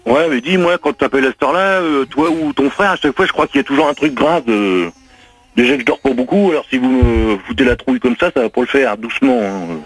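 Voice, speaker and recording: A man's voice: mid-range voice, fast talker, dry recording. A middle-aged man on the phone, exasperated and blustering with threats. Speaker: prank call target. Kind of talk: phone conversation.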